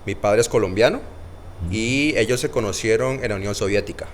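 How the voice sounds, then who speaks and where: A man's voice: lowish voice, brisk. A Costa Rican man, a doctor and podcast guest, talking casually with many fillers. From Costa Rica. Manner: hesitant, many fillers and tag questions. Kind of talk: casual interview chat.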